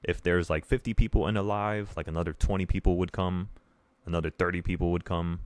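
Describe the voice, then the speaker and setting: The options trading teacher on this livestream, a man in his twenties, has a low, clean voice with little pitch movement and a fairly quick pace, recorded without room sound. He chats casually with viewers, earnest and meandering, repeating phrases to stress them.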